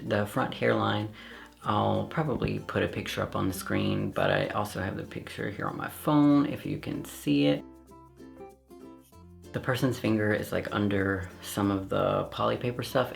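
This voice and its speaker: A man's voice: lowish voice, vocal fry. A man chatting casually through a product review, self-deprecating and rambling with fillers. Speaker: vlogger reviewing hair systems.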